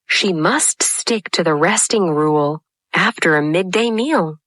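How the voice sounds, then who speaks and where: Calm woman reading a kids story real slow, lowish voice, dry sound. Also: no echo. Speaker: narrator. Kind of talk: scripted storybook narration.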